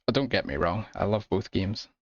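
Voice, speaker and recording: Low-voiced Irish man chatting while gaming. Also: moderate pace, dry recording, muffled recording. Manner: relaxed, chatty, laughs often. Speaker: streamer. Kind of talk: casual gameplay chat with viewers.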